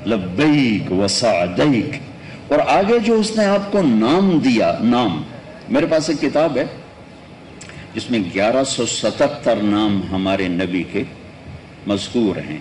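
A male preacher tells stories in an emotive sermon. His voice sits at an ordinary middle pitch, and he moves between loud, raised lines and hushed, low ones. A faint hiss runs under his voice. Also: expressive, low-quality recording. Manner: emotive, dramatic swings between loud and soft. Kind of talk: storytelling sermon.

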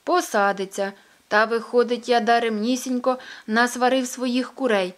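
A woman's voice: a little high, fairly even intonation, normal speed, pitched above the performer's own voice, lightly acted. A woman voicing a kindly old farmer in a children's storybook, talking in a fussy, coaxing, grandfatherly way. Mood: scolding. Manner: fussy, coaxing, scolding at times.

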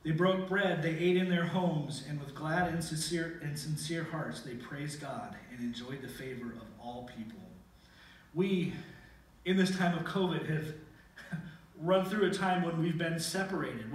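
Speaking at normal speed in a fairly high voice, a middle-aged man preaches and reads scripture with earnest emphasis in a church sanctuary. He uses a pulpit mic, filmed from a far camera, and the hall comes across as very echoey from that distance.

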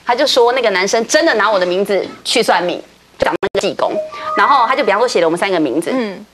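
A woman, a talk show guest telling a story in a lively way, acting out other people's lines. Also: mid-range voice, fast talker, faint music behind. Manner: lively, acts out others' lines, laughs often. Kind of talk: animated storytelling.

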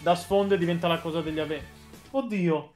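A man's voice: a little high, normal speed, darkish tone, faint music behind. Chatty Italian streamer man. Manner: chatty, playful, mock-pleading. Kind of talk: casual group chat on a live stream.

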